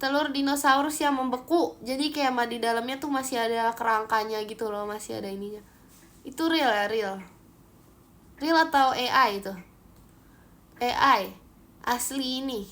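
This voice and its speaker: A woman's voice: a little high, moderate pace, long pauses, fairly bright tone. A young Indonesian woman hosting a casual livestream, chatting and giggling as she reads viewer comments. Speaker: idol livestream host.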